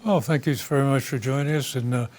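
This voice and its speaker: A man hosting a local talk show, speaking in an unscripted, conversational and somewhat halting way. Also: mid-range voice, a little mellow, a little hiss or hum.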